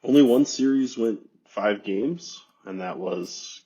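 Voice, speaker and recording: A man's voice: medium pitch, takes it slowly, warm tone, slightly rough, highs cut off. A man with a cold, sounding congested and nasal, chatting as a podcast guest. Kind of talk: casual chat.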